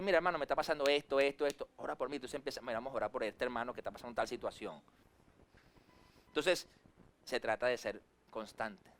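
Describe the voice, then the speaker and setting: Preaching man, fairly high voice. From Venezuela. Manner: preachy, rises and drops sharply for emphasis, acts out quick asides. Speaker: pastor. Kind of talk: sermon.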